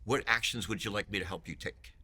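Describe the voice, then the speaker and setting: A vendor marketing executive with a low, sharp voice speaks briskly in a conference interview, talking up his company in a playful, salesy, joking way.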